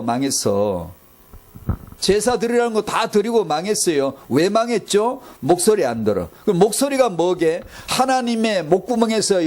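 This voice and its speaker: A man's voice: high-pitched, a little mellow. A man preaching a sermon as pastor, firing off rhetorical questions, repeating himself for emphasis and bantering with the congregation.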